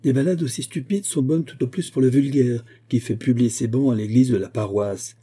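A man's voice: moderate pace, warm tone, breathy edge, lightly acted. A man voicing a fussy, doting old female nurse who rambles on in a fairy-tale audiobook. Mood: fussing doting. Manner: fussy rambling, raised pitch.

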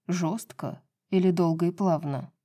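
A woman voicing a low, seductive winged man. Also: unhurried, warm tone. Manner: low murmuring, husky seductive tone. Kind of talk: audiobook reading.

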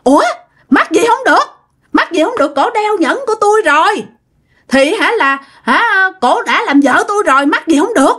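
Brief: a woman playing a possessive male soldier ghost with a Mekong Delta accent, pitched high and shrill, taunting and insistent. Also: big pitch swings, normal speed, bright, forceful tone, heavily acted. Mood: defiant. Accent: Southern Vietnamese (Mekong Delta). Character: spirit of a dead male soldier, possessive and defiant.

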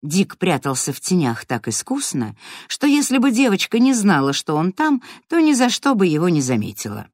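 Low, lively female storyteller, dry close mic. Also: moderate pace, few pauses, no echo. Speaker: narrator. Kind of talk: scripted audiobook narration.

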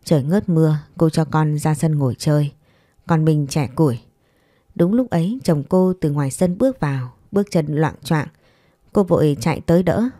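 A woman host narrating a romance story in a calm, even storytelling manner. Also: low voice, moderate pace, dry recording, studio quality.

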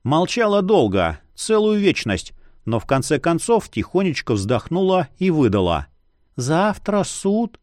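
Man, audiobook narrator, expressive, animated pitch, dry recording. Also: normal speed, dry recording. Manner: expressive storytelling.

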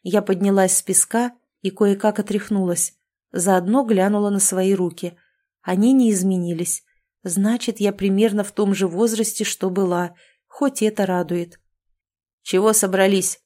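A woman narrating a first-person fantasy story in a steady, even storytelling voice. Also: medium pitch, moderate pace. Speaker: audiobook narrator.

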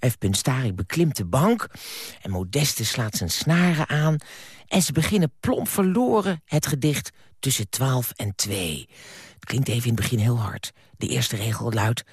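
A man narrating a scripted radio report in a lively, storytelling way. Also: medium pitch, husky, dry recording, studio quality.

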